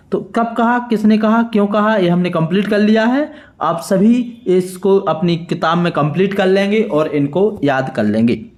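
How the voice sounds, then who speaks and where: Male schoolteacher, Madhya Pradesh accent, high voice, patient dictation. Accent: Madhya Pradesh Hindi. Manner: slow, clear dictation of words one by one. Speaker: teacher. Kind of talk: worksheet lesson for school pupils.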